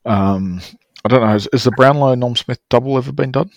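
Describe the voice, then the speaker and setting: An Australian man co-hosting a casual sports discussion over an online call, speaking haltingly and often restarting his sentences. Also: mid-range voice, no echo. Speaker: sports podcast co-host. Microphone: online call microphone.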